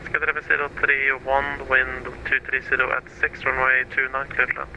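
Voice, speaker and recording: Over a muffled, noisy aviation radio channel, a male air traffic controller gives clipped, formal procedural instructions. His voice is mid-range and sharp, delivered flatly at normal speed.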